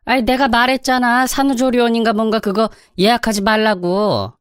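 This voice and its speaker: A woman's voice: a little high, fairly even intonation, moderate pace, clean tone, no room sound, clean studio sound, voice pushed up, lightly acted. A woman voicing a nagging, domineering older mother-in-law in a radio-drama story reading. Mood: scolding. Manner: scolding, condescending, raises voice.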